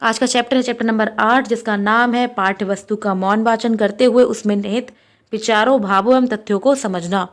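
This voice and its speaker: A woman's voice: a little high, fairly even intonation, moderate pace. A young woman teaching an exam-prep lecture, repeating each point and asking questions she then answers herself.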